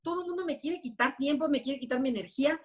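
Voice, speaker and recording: A woman explaining personality types in a lively, conversational way, often acting out little quoted voices. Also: high-pitched, fast. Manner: animated, acts out quoted voices. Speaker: enneagram expert guest.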